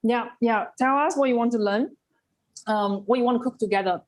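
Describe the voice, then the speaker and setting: A woman's voice: fairly high pitch, fairly quick. A woman hosting a casual live online cooking class, enthusiastic and chatty as she tastes the food. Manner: enthusiastic, talks while tasting food. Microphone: video call.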